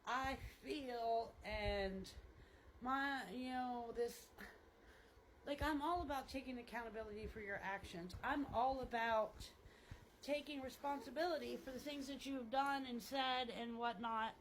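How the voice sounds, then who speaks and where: A woman's voice: a little high, a little slow, a little hiss or hum, low-quality recording. A mother talking candidly in a rambling, casual monologue, full of "like" fillers, while changing clothes.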